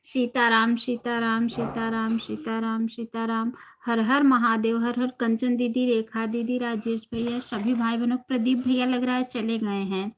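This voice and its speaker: A woman from Uttar Pradesh with an Awadhi-flavored Hindi accent, hosting a live stream and chatting casually with viewers, greeting them by name and softly repeating blessings. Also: a little high, flat delivery, moderate pace, hardly any pauses, slight background noise. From Uttar Pradesh, India. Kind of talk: casual live-stream chat reading comments.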